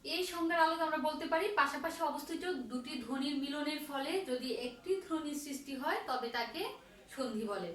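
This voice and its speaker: A woman teaching a grammar lesson to students, speaking slowly and repeating key points, often asking a question and then answering it herself. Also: high voice. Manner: slow, repetitive, asks and answers her own questions. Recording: roomy echo from far off, faint ambience.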